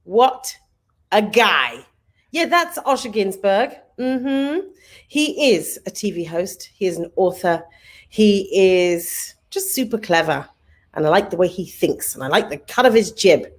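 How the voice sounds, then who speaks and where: A woman's voice: mid-range voice, sing-song, unhurried. A woman hosting a live online talk show, upbeat and effusive as she thanks her guest and viewers. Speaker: host.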